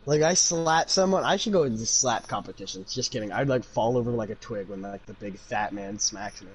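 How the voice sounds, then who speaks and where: A young adult man who reads and narrates fan fiction jokes around casually on a livestream, poking fun at himself and others in self-mocking banter. His voice is on the low side, animated, brisk, and slightly rough, picked up by a noisy amateur microphone.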